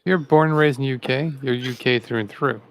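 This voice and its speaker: A man's voice: medium pitch, a little fast, clear, resonant tone. Rambling male co-host, politics chat. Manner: rambling, repeats himself, fired up. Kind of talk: casual political commentary.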